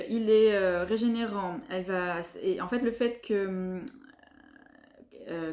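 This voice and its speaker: A woman talks casually and enthusiastically about skincare, pausing often to hesitate and circle back. Her voice sits in a mid range. The room around her rings with noticeable echo. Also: mid-range voice, a little mellow. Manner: chatty, many hesitations, enthusiastic about products. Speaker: beauty vlogger. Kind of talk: casual product review. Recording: echoey room.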